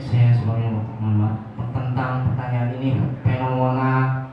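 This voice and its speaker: A man asking a question from the audience at a parents' talk, exasperated and half-laughing. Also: mid-range voice. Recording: echoey hall, distant mic, dull and noisy.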